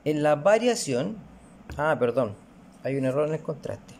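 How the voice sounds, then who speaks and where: Slow, patient male teacher. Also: a little high, big pitch swings, a little mellow, slight background noise. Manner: slow, patient, counts rhythms aloud. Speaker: music teacher. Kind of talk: recorded music lesson.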